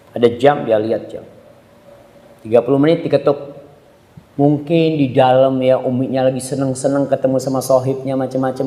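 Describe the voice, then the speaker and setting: A man preaching a sermon, telling stories with lively acted-out voices. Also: mid-range voice. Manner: animated storytelling, acting out mother and child. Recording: echoey hall with long reverb.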